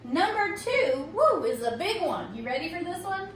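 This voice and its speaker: A woman teaching a reading lesson to young students, speaking slowly and patiently and checking in often with "okay?". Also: very high voice, sing-song. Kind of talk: recorded tutorial for young students. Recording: echoey room, distant from the mic, faint hiss.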